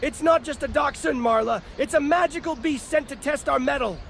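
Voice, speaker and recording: An eccentric, grandiose mystic from a fantasy comedy. The voice sits extremely high and declaims with whimsical theatre, with slight ambient noise underneath. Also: male voice, a little fast, gravelly, fairly bright tone, a faint crowd, full character voice. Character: whimsical, grandiose eccentric mystic who reveres spirits and prophecy. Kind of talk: scripted fantasy comedy dialogue.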